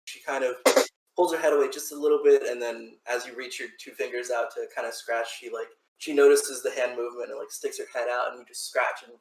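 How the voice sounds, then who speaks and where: Gravelly guy running a tabletop game, rambly, echoey room. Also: medium pitch, steady tone, a little fast. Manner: loose, rambling with fillers and restarts. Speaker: game master.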